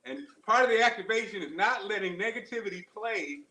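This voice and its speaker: High-voiced man talking while running, echoey room. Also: brisk, bright, forceful tone. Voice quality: emphatic, repeats phrases for stress. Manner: talking while running on a treadmill, in short exerted phrases. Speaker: show host. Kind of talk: casual motivational livestream chat. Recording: roomy, echoing live-stream sound.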